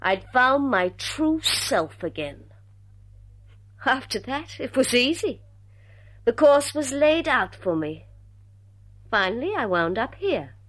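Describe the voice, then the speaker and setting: A fallen daughter in a radio drama, weary and ashamed yet defiant. Her voice is fairly high and moves widely in pitch. She speaks deliberately, with open emotion. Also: sing-song, a bit bright, exaggerated voice. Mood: bitter, resigned.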